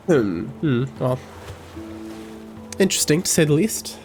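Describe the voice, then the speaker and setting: A man's voice: fairly high pitch, sing-song, takes it slowly, soft background music. A man streaming a game live, giving wry, joking, chatty commentary.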